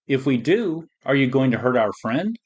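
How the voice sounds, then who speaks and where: A man's voice: medium pitch, very animated, normal speed, slightly rough, highs cut off. A man voicing a brave friendly sidekick. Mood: earnest. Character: brave young male sidekick, friendly and quick-thinking. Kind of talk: storybook voice acting.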